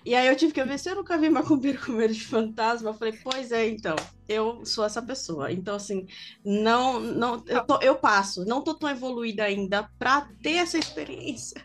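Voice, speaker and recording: A Brazilian woman co-hosting a casual podcast, telling a story in a relaxed, joking way with frank exclamations. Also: on the high side, fairly quick, faint music behind. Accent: Brazilian Portuguese. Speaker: podcast co-host.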